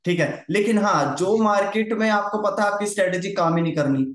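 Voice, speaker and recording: A man's voice: high-pitched, fairly quick, reverberant. A man teaching trading charts in a casual lesson, repeating himself and often checking that his listener follows. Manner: repetitive, coaxing, keeps checking understanding.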